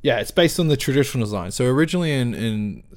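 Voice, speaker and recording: A man in his thirties from New Zealand with an Australian accent, chatting casually in an interview, relaxed and quick to laugh. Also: medium pitch. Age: 30s. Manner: relaxed, laughs easily, many fillers. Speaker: interviewee, camera operator.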